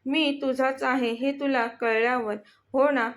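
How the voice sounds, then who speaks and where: A woman's voice: high-pitched, steady tone, a little slow. A woman voicing a young male company boss who earnestly pleads with the woman he loves. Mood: tender.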